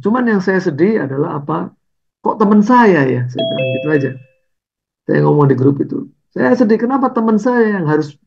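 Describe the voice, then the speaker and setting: Man, conversational sermon, slightly high voice, dull lo-fi sound. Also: creaky. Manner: conversational, tags phrases with "ya" and "gitu". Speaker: preacher. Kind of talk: sermon with slides.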